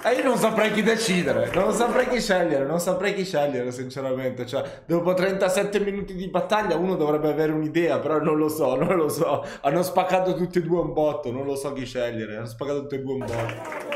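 A man's voice: fairly high pitch, a little fast. A man in his twenties giving casual commentary as he hosts a reaction video. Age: 20s. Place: small indoor room. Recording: echoey, noisy, club crowd from played video. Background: crowd noise from the video he watches.

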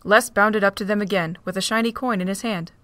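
A woman's voice: medium pitch, fairly even intonation, a little fast, a bit bright, no echo, clean studio sound. Woman narrating a fan audio drama.

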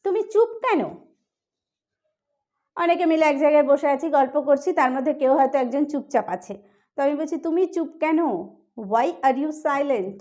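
Bengali-accented woman, high voice, patient phrase-drilling English tutor for beginners. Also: dark tone. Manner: slow, carefully drilled repetition of phrases. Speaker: English teacher. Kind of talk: spoken English lesson for beginners.

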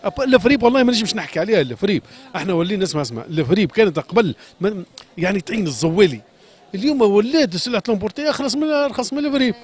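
A man's voice: high voice, animated, very fast. A man from Sfax with a Tunisian Arabic accent, a shoemaker pouring out an impassioned, agitated complaint in a street interview, repeating his questions and pleading.

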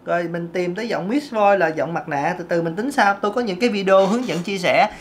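A woman's voice: fairly low pitch, brisk, a little hiss or hum. A woman, a vocal coach giving a casual singing lesson and breaking off to demonstrate vocal sounds.

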